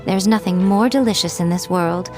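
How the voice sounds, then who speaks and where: A woman voicing a sly, elegant fox-spirit shrine maiden in a video game, speaking in deliberate phrases with a coy, haughty, playfully condescending manner. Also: lowish voice, lightly acted. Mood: teasing, haughty. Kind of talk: scripted video game character voice-over. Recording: music behind the voice. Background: background music.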